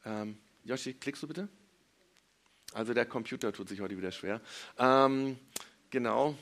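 A man leading a children's church service, telling a Bible story in a lively way and acting out the quotes with big swings in loudness. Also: mid-range voice, unhurried.

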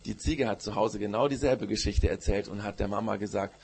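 Husky man telling children a story. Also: on the low side, brisk, darkish tone. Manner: storytelling to children, asks questions, uses "gell". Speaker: pastor. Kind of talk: children's sermon in church.

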